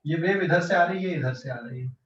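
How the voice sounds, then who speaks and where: Male online physics tutor with a central Indian accent who keeps checking understanding; high voice, roomy and muffled sound. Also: brisk, a bit bright. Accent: Hindi-English mixed speech, central Indian. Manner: explains step by step, checks often if students follow. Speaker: physics teacher. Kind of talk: online class lecture. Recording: echoey distant lo-fi online class.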